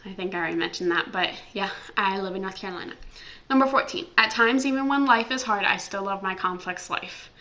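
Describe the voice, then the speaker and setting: A woman's voice: medium pitch, a little fast, sharp tone, muffled recording. A young American woman vlogging casually at home, chatty and full of ums and likes. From United States. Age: young adult. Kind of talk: casual chat.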